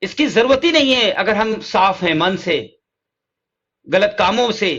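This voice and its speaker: Male lecturer; high-pitched, unhurried, asks the class questions and answers them; muffled recording. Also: animated, fairly bright tone. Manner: slow, deliberate English lines and rapid Hindi explanations. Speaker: literature teacher. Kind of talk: lecture mixing Hindi and English. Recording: dull lo-fi recording.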